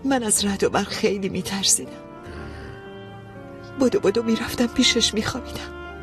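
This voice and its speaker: An actress playing a grieving young woman who has lost her sister, weary and sharp-tongued, in a dubbed TV drama. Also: mid-range voice, over music, lightly acted.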